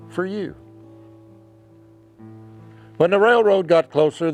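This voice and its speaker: A man with a mid-pitched voice recites cowboy poetry in rhymed, measured lines. His delivery is earnest, with dramatic phrasing and pauses. Soft acoustic guitar plays faintly behind him. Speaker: cowboy poet. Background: soft acoustic guitar music.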